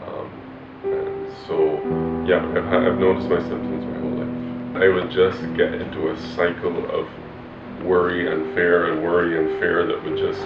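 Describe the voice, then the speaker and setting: A man's voice: sits low, level tone, moderate pace. A man in his forties from Barbados, a pastor, speaking hesitantly and reflectively about his life, with many fillers. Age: 40s. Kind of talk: personal testimony interview. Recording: roomy, distant, muffled with loud guitar music. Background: loud guitar music.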